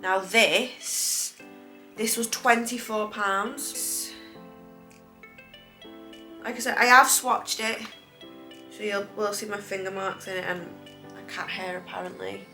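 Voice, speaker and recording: A British woman with a bright, forward voice gives a casual, rambling makeup review. Her speech is slightly impeded from dental surgery, and she often corrects herself. Faint music plays behind her. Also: medium pitch, fairly even intonation, slow pace, long pauses. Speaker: beauty vlogger.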